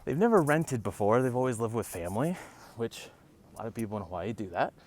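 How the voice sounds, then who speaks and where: Man, realtor, casual rant, wry sarcastic asides, lively up-and-down pitch, slightly winded. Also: quick pace. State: out of breath while walking uphill. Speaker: realtor vlogger. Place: outdoors, walking.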